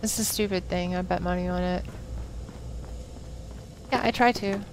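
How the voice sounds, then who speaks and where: A woman's voice: lowish voice, fairly even intonation, moderate pace, creaky, noisy background. A woman streaming a video game, chatting casually, laughing often and swearing freely. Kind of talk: casual gameplay commentary.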